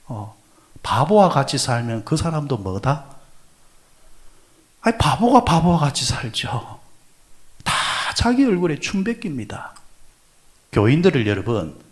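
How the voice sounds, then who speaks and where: A male pastor preaching an early-morning prayer sermon. He asks the congregation questions and answers them himself, and he moves from loud exclamations to soft, breathy asides. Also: medium pitch. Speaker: senior pastor.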